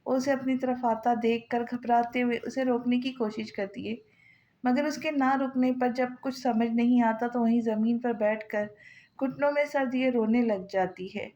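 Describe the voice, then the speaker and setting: A woman narrating a novel in a steady storytelling manner with small slips. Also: a little high, normal speed, lo-fi sound. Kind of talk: novel reading.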